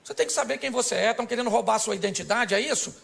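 A man's voice: extremely high pitch, rapid-fire, gravelly, fairly bright tone. A man preaching an extroverted, joking sermon to a church congregation. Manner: extroverted, joking, acts out voices. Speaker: pastor. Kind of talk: humorous sermon.

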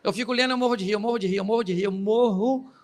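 A man's voice: sits high, rapid-fire. A man, a pastor giving a comic storytelling sermon, joking, chuckling at his own jokes and acting out the scenes.

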